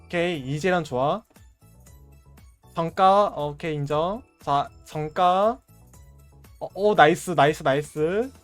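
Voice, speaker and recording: A man's voice: fairly high pitch, takes it slowly, pauses often, soft background music. A man streaming a game, giving casual running commentary and playfully scolding his in-game item like a parent.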